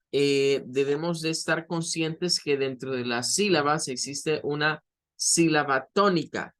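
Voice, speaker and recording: A man teaching English grammar in a patient, explanatory lecture, repeating example words slowly. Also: a little high, a bit bright.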